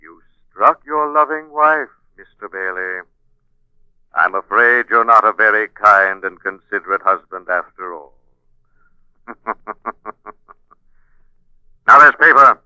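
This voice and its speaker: An actor playing a taunting, menacing unseen avenger with slow, mocking theatrical delivery in a 1940s radio drama. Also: male voice, lowish voice, animated, clean tone, no echo, highs cut off. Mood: commanding. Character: menacing, taunting male shadowy avenger, unseen crime fighter. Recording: old 1940s radio broadcast.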